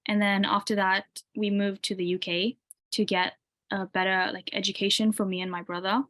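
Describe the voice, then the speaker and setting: Medium in pitch and normal in speed, this woman's voice belongs to a twenties-aged student who grew up in Tanzania and comes from the UK. She responds to interview questions casually, full of "um" and "like."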